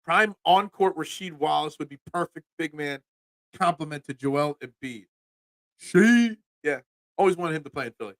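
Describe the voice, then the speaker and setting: This is a slightly high, expressive male voice at a moderate pace, recorded dry. He's in his forties, speaks with a Philadelphia accent, and runs a solo sports talk show where he rambles, stammers into restarts while reading chat, and chats aside to his viewers.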